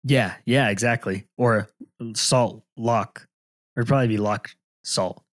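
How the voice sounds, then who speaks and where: A man's voice: medium pitch, a little slow, no echo. Male podcast co-host, casual and rambling, hesitant, dry close mic. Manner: rambling, hesitant, laughs often. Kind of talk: casual chat.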